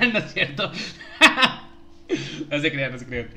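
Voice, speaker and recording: A man's voice: on the high side, pushed and bright. A young man with a Mexican accent, a streamer joking and laughing as he reads his chat aloud. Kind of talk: casual live-stream chat.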